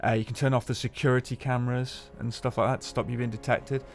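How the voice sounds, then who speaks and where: A man, co-hosting a casual chat over gameplay footage, relaxed and chatty with casual swearing. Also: mid-range voice, fast, soft background music. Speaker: games journalist, co-host.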